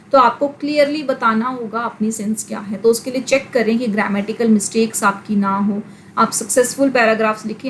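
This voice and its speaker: A woman teacher, lecturing slowly and explaining with everyday examples, mixing English terms into Hindi. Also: fairly high pitch, a little hiss or hum, rough recording. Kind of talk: classroom lecture.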